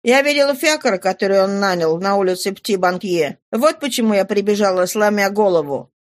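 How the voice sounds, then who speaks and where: A woman's voice: medium pitch, animated, moderate pace, dry recording, studio quality, lightly acted. A woman voicing a bold, cheeky poor teenage girl with pert, defiant retorts in an audiobook reading. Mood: eager.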